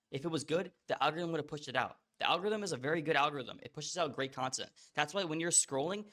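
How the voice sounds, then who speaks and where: A man's voice: a little high, a bit bright. A young man giving blunt, slangy advice straight to camera as a social media coach. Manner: blunt, fast-talking, hustle-driven with casual slang. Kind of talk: direct-to-camera advice monologue.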